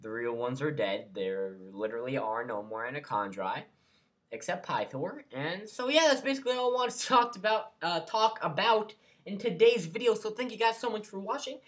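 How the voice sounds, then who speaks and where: Animated, rambling man talking on his vlog. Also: fairly high pitch, moderate pace. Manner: rambling, many fillers and restarts, animated. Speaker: fan channel host. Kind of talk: casual fan vlog talk.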